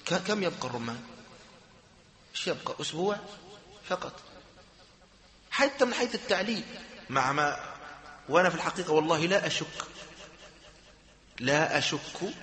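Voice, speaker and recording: Sheikh teaching a class, kinda high voice, asks questions then answers, big echoey hall. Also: male voice, a bit bright. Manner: asks students questions and answers himself, conversational. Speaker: sheikh teaching Islamic jurisprudence. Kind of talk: lecture to a class. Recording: echoey hall with long reverb.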